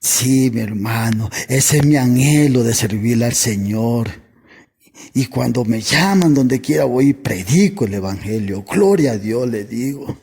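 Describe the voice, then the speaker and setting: A man's voice: medium pitch, lively intonation, unhurried, a little mellow, breathy edge. A man preaching a personal testimony sermon, fervent and emotional, who keeps addressing his listeners as brother.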